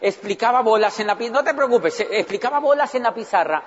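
Guy telling his story on stage, pretty high voice, kinda muffled and echoey. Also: brisk. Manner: animated, acts out his own past thoughts. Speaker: motivational speaker. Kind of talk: storytelling talk to an audience. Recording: dull, echoey hall recording.

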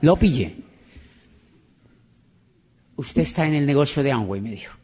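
A man's voice: mid-range voice, fast talker, darkish tone. A man giving an emphatic motivational talk to an audience, repeating his points and acting out conversations. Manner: emphatic and repetitive, acts out dialogue. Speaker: motivational speaker. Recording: dull lo-fi recording.

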